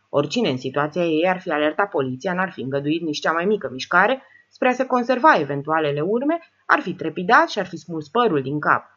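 A woman narrating an audiobook story in a calm, even storytelling manner. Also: low-pitched, breathy edge, muffled recording.

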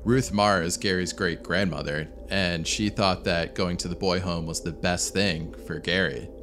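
Deep-voiced man narrating a true story. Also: steady tone, a bit bright, a little hiss or hum. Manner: measured, serious storytelling read. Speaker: channel narrator. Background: faint background music.

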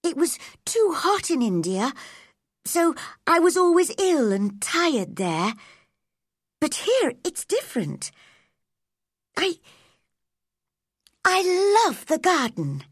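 A shy little girl with a light, high voice that rises and falls eagerly, stammering a little before finding her courage, put on by a woman reading a storybook. Her lines come slowly and carefully, with a close, dry sound. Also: huge pitch swings, a bit bright, dry recording, exaggerated voice. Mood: timid pleading. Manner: shy, stammering, growing brave. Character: timid hopeful young girl.

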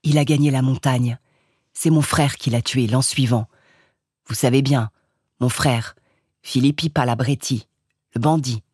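A woman voicing a tall, stooped, consumptive Corsican man who drawls slowly in a monotone and coughs often, in an audiobook reading. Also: very deep voice, slightly rough, no room sound, studio quality, heavily acted. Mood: resigned.

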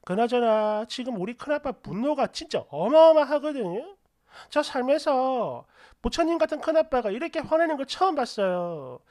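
A woman's voice: on the high side, a little mellow. A woman narrating a family story in a chatty, indignant way.

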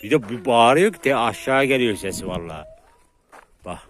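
A man casually vlogging outdoors on farmland with his dogs, chatting to viewers and jokingly shouting at the animals. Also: mid-range voice, expressive, normal speed, slight background noise. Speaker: dog breeder and vlogger. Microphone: phone camera.

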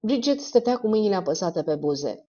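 A woman narrating an audiobook in a measured storytelling manner. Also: medium pitch, lively intonation, mellow, lo-fi sound. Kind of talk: scripted narration.

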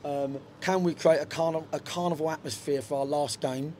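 Warm-toned and brisk, with a fairly high pitch and fairly even intonation, a middle-aged football manager speaks frankly after the match. He's interviewed in a stadium dugout on a handheld reporter mic, slight background noise behind him, and he often uses fillers and restarts.

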